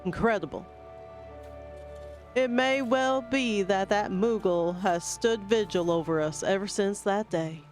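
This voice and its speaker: A woman's voice: medium pitch, soft background music, close to an everyday voice. A woman voicing a stately, grave forest guardian. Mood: solemn. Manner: stately, old-fashioned phrasing, measured delivery. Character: formal, dignified forest guardian, grave and courteous. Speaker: game streamer reading dialogue aloud. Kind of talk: reading video game dialogue in character voices.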